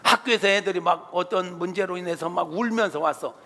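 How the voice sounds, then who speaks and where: A man, a pastor, preaching a sermon in an animated, colloquial way in a church. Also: high-pitched, fairly quick. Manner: animated, colloquial, acts out quotes. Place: church sanctuary. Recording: reverberant church hall.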